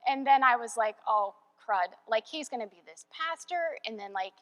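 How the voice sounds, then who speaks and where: Young woman, church testimony, chatty with many fillers, bright higher voice, long reverb. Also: expressive, normal speed. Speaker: church member sharing testimony. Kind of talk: personal testimony.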